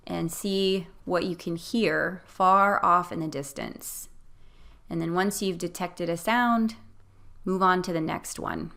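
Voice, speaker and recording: A woman with a slightly low voice leads a guided meditation. Her delivery is gentle and soothing, giving calm, clear instructions as a meditation guide.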